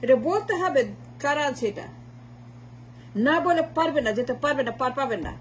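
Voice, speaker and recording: A woman giving a forceful political monologue, mixing Bengali and English with insistent repetition. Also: sits high, expressive, moderate pace, a little hiss or hum, low-quality recording. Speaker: political commentator.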